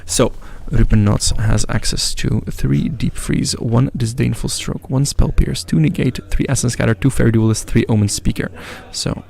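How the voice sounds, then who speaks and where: Gravelly-voiced male game commentator. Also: medium pitch, steady tone, normal speed, few pauses, a little mellow. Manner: analytical, chatty and joking. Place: event venue.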